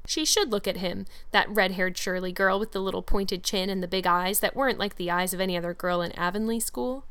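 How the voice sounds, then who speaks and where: Smooth-voiced woman reading a classic story. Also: mid-range voice, fairly even intonation, a little fast, a bit bright. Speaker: audiobook narrator. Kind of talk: scripted storybook narration.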